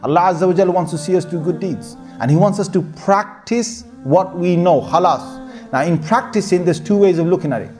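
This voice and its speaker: Guy preaching casual, pretty high voice, keeps repeating himself, faint music behind. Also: a little fast, a little mellow. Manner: earnest, repetitive exhortation with many fillers. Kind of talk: informal sermon to a young audience.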